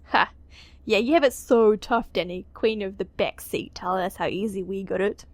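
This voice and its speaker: A woman's voice: medium pitch, normal speed, no room sound, natural voice. A woman voicing a chatty, teasing teenage girl in a visual novel game.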